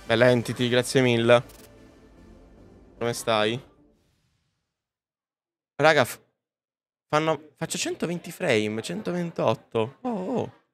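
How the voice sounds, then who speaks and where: A male streamer talks casually and directly to his viewers, his voice sitting at an ordinary middle pitch. He speaks into a podcast-style microphone at a convention booth. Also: animated, slow, long pauses, soft background music. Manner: chatty, addresses viewers directly. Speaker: livestreamer. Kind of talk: casual live-stream chat.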